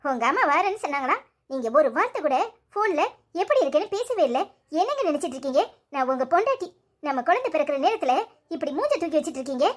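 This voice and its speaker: A woman's voice: sits high, very animated, fast talker. A woman voicing a pregnant young wife in a cartoon story, pleading and reproachful with her husband. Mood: hurt pleading.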